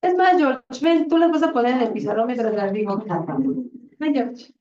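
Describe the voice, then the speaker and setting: A woman's voice: high voice, expressive, normal speed, darkish tone. A woman teaching a Spanish conjugation drill in a classroom, patient and encouraging and often praising answers. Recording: roomy, distant and dull classroom sound.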